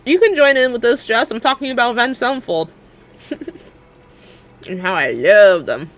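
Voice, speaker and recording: A woman's voice: on the high side, expressive, moderate pace. A young adult woman chatting casually with her live viewers, rambling with lots of fillers and frequent laughs. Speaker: livestreamer.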